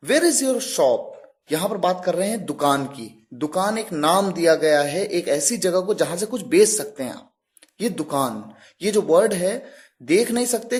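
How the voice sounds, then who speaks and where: A man teaching English grammar. He explains slowly and deliberately, stops on each example word and keeps asking the listener questions. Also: sits high, a little mellow. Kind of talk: classroom explanation.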